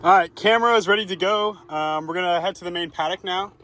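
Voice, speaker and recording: Excitable young man vlogging at a racetrack. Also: high voice, fast, slight background noise. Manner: excitable, awestruck exclamations. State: out of breath. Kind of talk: excited walk-around vlog. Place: outdoors at a racetrack.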